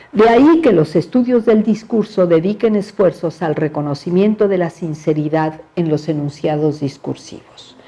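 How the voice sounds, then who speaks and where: A woman lectures on philosophy in a university seminar room, speaking slowly with a dark, mellow tone. She keeps it conversational and often pauses to check in with her listeners. Now and then she acts out examples in a playful, higher voice. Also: vocal fry. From Mexico. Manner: conversational, asks "¿sí?" to check the audience.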